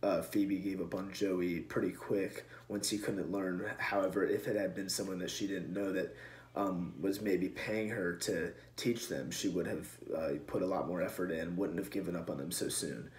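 A young man talks earnestly through a class presentation, stopping often on ums. His voice sits very low. The small room gives it a roomy ring, with a faint hiss underneath. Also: steady tone, moderate pace, a little mellow. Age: young adult. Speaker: student presenter. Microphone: camera close in front.

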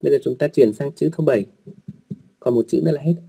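Patient and slow, a male online language teacher covers writing rules for his class. His mid-range voice is dark and gravelly with a husky edge, and he repeats words, uses fillers, and tosses in polite asides to learners.

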